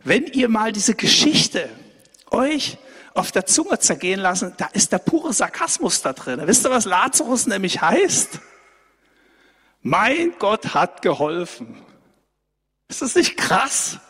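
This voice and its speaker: A man preaching a lively, conversational sermon to a congregation, speaking to them directly and often checking in with them. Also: sits high, unhurried, husky, in a large hall. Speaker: pastor. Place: church hall.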